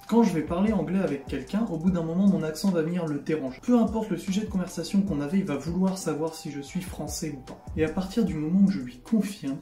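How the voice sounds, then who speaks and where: A young French man delivers a comic vlog monologue, sarcastic and mock-indignant. His voice is fairly high with a dark tone, and he talks fast with few pauses. The room is echoey, with faint background music.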